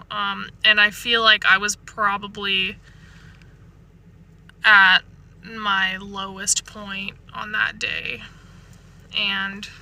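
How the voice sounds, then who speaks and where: Bright-voiced woman chatting casually. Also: medium pitch. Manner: informal, slangy, rambling. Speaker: vlogger. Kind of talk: casual chat to camera. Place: inside a parked truck. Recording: faint vehicle and outdoor ambient noise.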